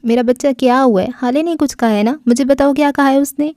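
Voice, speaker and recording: A tender, worried mother, read by a woman in a mellow, warm voice, soothing and pleading through tears. Recorded close and dry, as in an audiobook. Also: sits high, dry recording, voice pushed up, close to an everyday voice. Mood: tearful worry. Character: anxious, tender middle-aged mother.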